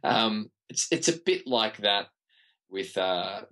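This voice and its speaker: Deep croaky aussie guy explaining stuff as a podcast guest, chatty. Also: lively intonation, slow, bright, forceful tone. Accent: Australian. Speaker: podcast guest, running physiotherapist. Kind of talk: conversational explanation in an interview.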